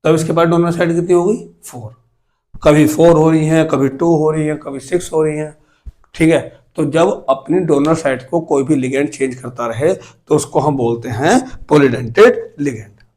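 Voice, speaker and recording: A man's voice: fairly high pitch, normal speed, darkish tone, low-quality recording. Man teaching chemistry. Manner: asks students questions, counts aloud while drawing. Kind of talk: classroom lecture.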